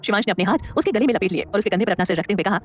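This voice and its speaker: A woman narrating a dramatic audio story in a lively way, voicing the characters. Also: medium pitch, rapid-fire.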